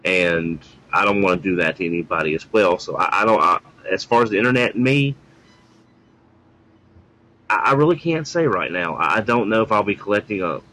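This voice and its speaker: A man in his forties talking in a casual group chat, reflective and hesitant, with many pauses. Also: deep voice, lively intonation, sharp tone, poor audio. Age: 40s. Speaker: guest.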